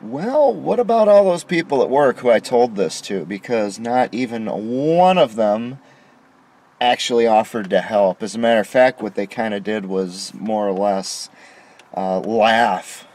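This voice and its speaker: Indignant middle-aged man, low voice. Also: lively intonation, measured pace, a little mellow. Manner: aggrieved, indignant, rising emphasis on complaints. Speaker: vlogger. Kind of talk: frustrated monologue to camera. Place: inside a parked car at night. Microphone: camera on dashboard facing him.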